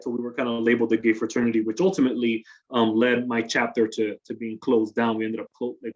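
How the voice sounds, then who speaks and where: A man's voice: medium pitch, lo-fi sound. A young man from the Dominican Republic giving a workshop presentation over a video call, talking conversationally with many fillers and tag questions. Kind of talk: presentation with slides.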